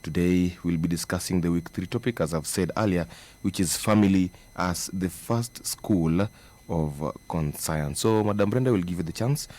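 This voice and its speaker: A Kenyan man hosting a radio program in a studio, giving formal, measured introductions. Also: sits low, mellow. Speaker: radio presenter.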